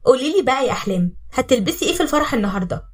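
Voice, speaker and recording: Bubbly young Egyptian woman, high and loud, husky and distant, played by the narrator. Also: animated, racing. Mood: cheerful. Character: cheerful lively young woman, warm cousin.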